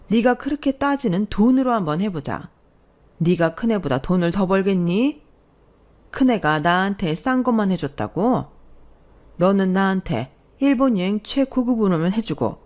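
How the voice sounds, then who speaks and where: A woman's voice: mid-range voice, a little mellow, lightly acted. A woman voicing an angry older mother-in-law who scolds and lectures sternly in a read-aloud story. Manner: scolding, commanding. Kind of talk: storybook voice acting.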